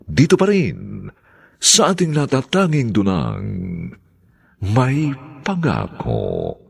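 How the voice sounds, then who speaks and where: A man presenting a radio drama with a formal, deliberate scripted introduction. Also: medium pitch, huge pitch swings, gravelly, breathy edge.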